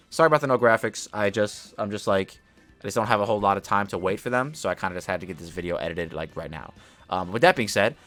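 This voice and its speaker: Sitting in a room at home, a man casually narrates his own Pokemon battle, relaxed and drowsy after a nap, his lowish, smooth voice full of fillers and broken by sudden loud, excited outbursts.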